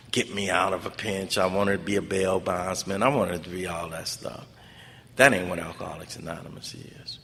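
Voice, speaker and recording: In a large, echoing conference hall, a deep, gravelly man from Los Angeles addresses a recovery fellowship convention with a bright, forceful tone. His personal testimony is preacher-like, emphatic, and colloquial, with phrases repeated for effect. The hall PA adds echo and background noise.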